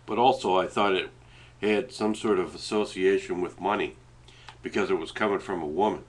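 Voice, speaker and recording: Middle aged guy w a canadian maritime accent, low voice, stuffy nose, rambles along casually to his webcam. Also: fairly even intonation, normal speed. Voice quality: congested, stuffed-up nasal sound. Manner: rambling, hesitant, sometimes talking while eating. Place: small indoor room at home. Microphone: webcam setup at desk distance.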